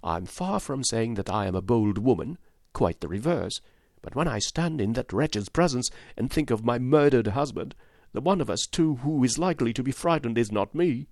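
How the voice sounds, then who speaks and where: Voicing a timid, determined widow, an adult woman, in a classic-novel audiobook, a man lifts his mid-range voice and acts the part lightly. The reading is animated and earnest, dignified and climbing into indignation, at normal speed with a slightly mellow tone. It's a dry, studio-quality recording.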